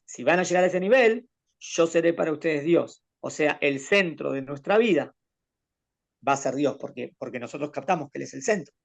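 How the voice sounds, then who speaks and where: A man's voice: on the high side, expressive, a little fast, vocal fry. A rabbi teaching a Torah class to a student, explaining patiently and posing questions as he goes. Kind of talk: conversational Torah lesson with a student.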